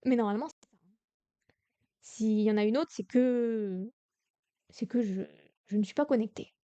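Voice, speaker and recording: French woman, young, tired voice, patient step-by-step explaining, somewhat high, dry close mic. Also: moderate pace, warm tone, no echo, highs cut off. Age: young adult. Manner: tired, patient explaining with many ums and restarts. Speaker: Korean language teacher streaming live. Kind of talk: live-stream grammar lesson.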